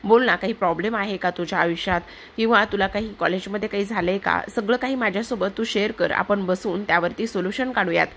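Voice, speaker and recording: Woman narrator voicing a caring young sister-in-law, coaxing, pleading, mid-pitched. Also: fast talker, fairly bright tone, a little hiss or hum, lightly acted. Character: caring young married woman, gentle and patient.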